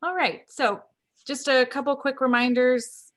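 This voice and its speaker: Over a video call, a woman with a high voice serves as toastmaster of an online club meeting, running through roles and reminders at a measured pace. She sounds upbeat and organized.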